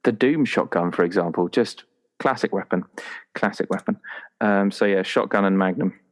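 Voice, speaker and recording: A man with a low-pitched voice chats at a moderate pace about a game character, casually and playfully, as an enthusiastic tabletop roleplaying player who tends to ramble.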